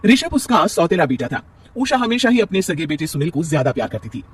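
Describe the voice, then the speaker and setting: A man narrating a family story in a lively storytelling manner. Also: on the high side, fairly quick, breathy edge, distant mic.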